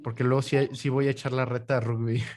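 A man's voice: mid-range voice, level tone, quick pace, darkish tone. A man with a Mexican Spanish accent, chatting casually and joking with slangy banter. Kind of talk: casual chat.

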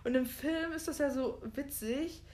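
A woman co-hosting a podcast chats casually about a book and film, thinking aloud with loose asides. Her high voice is steady, a little slow, and darkish in tone.

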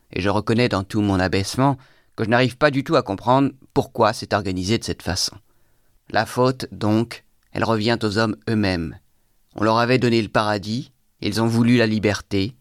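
A man's voice: fairly low pitch, no echo, clean studio sound, natural voice. A man reading aloud, voicing a bitter young intellectual who talks in a feverish, exalted monologue.

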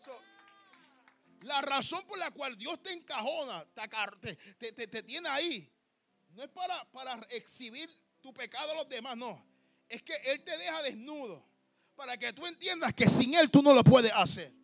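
A male preacher in full sermon mode, with a notably high voice. He swings between quiet confiding and loud, emphatic bursts, sprinkling in English words. Faint music plays behind him. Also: expressive, moderate pace, vocal fry. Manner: emphatic, swinging from soft to shouting.

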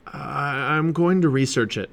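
A man's voice: a little high, a little slow, vocal fry, a bit bright. A man voicing a nervous, bookish young boy in a storybook read-aloud, sounding worried and exasperated.

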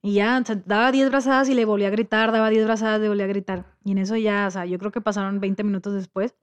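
A woman with a Mexican accent tells a story in casual chat, acting out the voices of the people she quotes as a lively storyteller. Her medium-pitched voice is clear and resonant, and she talks quickly.

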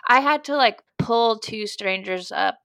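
A comedian in her thirties tells a story with animated energy, slipping into her own quoted voice as she goes. Her voice is bright and sits a little high. The sound is dry and close, with no room around it. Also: measured pace, vocal fry, clear, resonant tone, dry recording. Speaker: comedian guest. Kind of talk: casual podcast chat.

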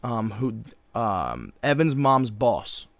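A young American man co-hosts a podcast, recapping a show in full frat-bro mode: loose, slangy, and sprinkled with swearing. His average-pitched voice has vocal fry and a sing-song lilt, he takes it slowly, and the recording is close and dry.

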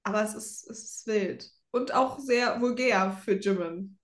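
A woman's voice: medium pitch, measured pace. A young adult woman co-hosting a podcast in casual fan chat, sprinkling English words into her German. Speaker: podcast co-host. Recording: roomy, echoey sound.

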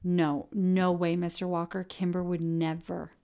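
A woman's voice: deep voice, normal speed, vocal fry, darkish tone. A woman reading an audiobook, voicing a distraught teenage boy who speaks in an urgent, pleading, emotional way. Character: distraught teenage boy, desperate for his friend. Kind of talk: audiobook character voice.

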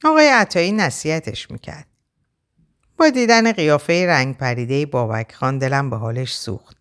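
A woman narrating a novel aloud in the first person, with expressive storytelling. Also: low voice. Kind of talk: audiobook reading of a novel.

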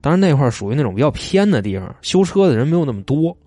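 A man's voice: a little high, very animated, racing, mellow, dry recording. A man, telling stories in a casual chat, retelling them loosely with asides. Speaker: storyteller.

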